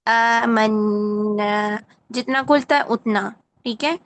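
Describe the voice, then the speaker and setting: A woman's voice: on the high side, a bit bright. Patient woman teaching recitation. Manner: patient, corrective, checks in often. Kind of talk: online tajweed lesson.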